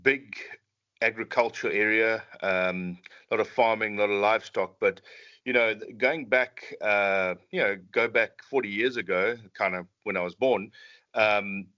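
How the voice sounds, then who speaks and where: Zimbabwean guest in his forties, bright forceful tone, friendly and halting. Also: fairly low pitch. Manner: friendly, hesitant with many fillers. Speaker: professional hunter guest. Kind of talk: casual podcast interview. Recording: slightly dull lo-fi audio.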